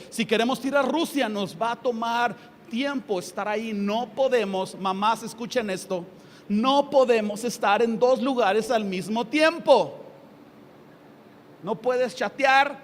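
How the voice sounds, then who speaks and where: A man with a Mexican accent preaching a sermon in a lively way, with sarcastic asides and acted-out quotes. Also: very high voice. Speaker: pastor. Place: church hall. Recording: reverberant hall with faint ambient noise.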